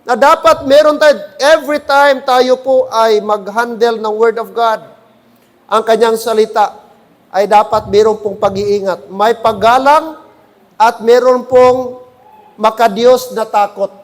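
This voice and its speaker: A man's voice: very high-pitched, fairly even intonation, unhurried. A man preaching a sermon in church, often asking the congregation "Amen?". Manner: preaching with frequent calls for "Amen?". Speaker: pastor.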